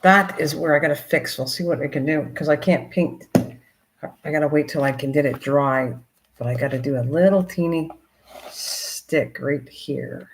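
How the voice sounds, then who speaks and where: A woman's voice: low-pitched, normal speed, slight background noise, rough recording. An older woman hosting a casual craft livestream, rambling and talking to herself and her viewers as she works. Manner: chatty, rambling, talks to herself and her viewers while working. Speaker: livestream host.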